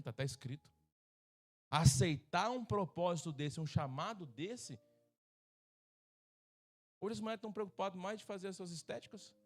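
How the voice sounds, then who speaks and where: Brazilian pastor with a lively, joking delivery. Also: male voice, high voice. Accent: Brazilian Portuguese. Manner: humorous, acts out quoted voices. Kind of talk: sermon. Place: church service.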